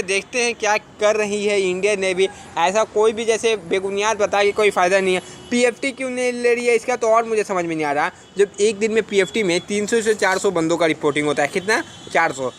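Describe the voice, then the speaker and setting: A man's voice: high-pitched, a bit bright, a little hiss or hum. A man who coaches students for defence exams, talking casually and earnestly to them in a vlog, urging them on and asking rhetorical questions. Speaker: defence exam coaching teacher.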